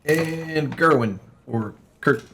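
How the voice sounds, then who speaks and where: A man's voice: on the high side, takes it slowly, creaky, a bit bright, slight background noise. A man hosting and narrating a tabletop game as game master, talking casually with plenty of fillers and laughs.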